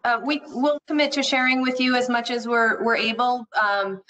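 A woman's voice: a little high, steady tone, normal speed, fairly bright tone, distant mic, low-quality recording. A woman, a city official, reassuring board members with many fillers at a video call meeting. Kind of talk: answering questions at a public meeting.

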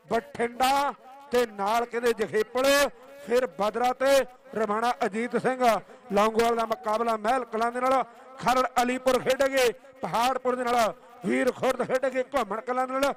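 High-pitched Punjabi man announcing kabaddi. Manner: declamatory, repeating phrases. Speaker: kabaddi commentator and tournament announcer. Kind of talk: live sports commentary and announcements.

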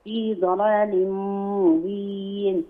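Woman, caller, slow measured recitation, flat, phone-line sound. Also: medium pitch. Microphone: phone call.

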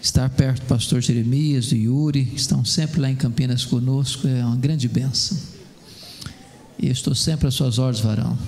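A man with a Brazilian Portuguese accent preaching a sermon in a church, reading scripture and explaining it with measured emphasis. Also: medium pitch, a little mellow. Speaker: pastor.

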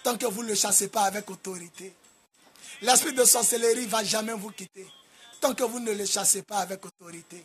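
A man with an Ivorian French accent preaching a sermon in a sing-song cadence, rising to loud shouted commands. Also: sits high, a little fast, husky, faint music behind. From Côte d'Ivoire. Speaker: apostle preacher.

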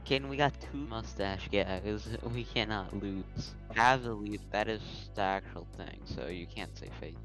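A man's voice: fairly low pitch, a little slow, few pauses, a bit bright, poor audio. Bantering male gamer over game music. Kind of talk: casual gaming chat with a friend.

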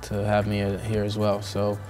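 Soft-spoken man, flat low voice. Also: normal speed, soft background music. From Costa Rica. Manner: hesitant, many fillers and restarts. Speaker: professional soccer player. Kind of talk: sit-down interview answers. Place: indoor studio backdrop.

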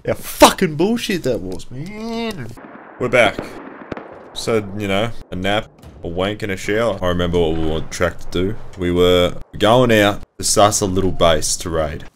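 A young man, profane and animated, commentating his own gameplay and telling stories. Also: low-pitched, moderate pace, slight background noise. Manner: profane, swears freely, animated storytelling. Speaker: gaming YouTuber. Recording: background music in the mix.

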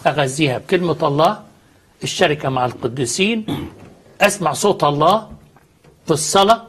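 A man's voice: fairly high pitch, animated, a little fast, a bit bright, husky. A man with an Egyptian accent, a studio guest explaining faith earnestly and answering his own questions.

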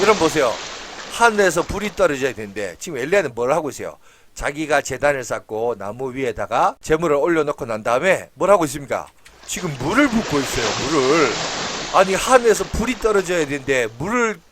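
Animated pastor telling children a story. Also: male voice, on the high side, dry recording. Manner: animated, asks the children questions.

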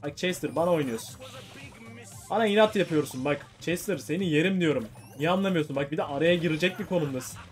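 A man giving excitable, chatty commentary on his own gameplay, talking to viewers and teammates. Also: on the high side, quick pace, faint music behind. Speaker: gaming YouTuber.

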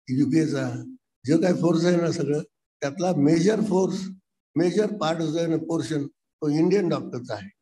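Older guy lecturing med students, slow and mellow, reads out english then explains. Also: a little high, rough recording. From India. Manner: reads English lines slowly, then explains them in Marathi. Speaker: guest speaker to medical students. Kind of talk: motivational lecture. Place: college lecture hall.

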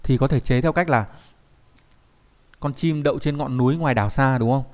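A man's voice: mid-range voice, normal speed, a little mellow. A man teaching an online kanji lesson, who keeps asking the class rhetorical check questions.

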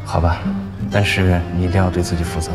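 A man acting a serious, measured young hospital doctor in a television drama. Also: deep voice, flat delivery, close to an everyday voice. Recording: echoey room with loud music.

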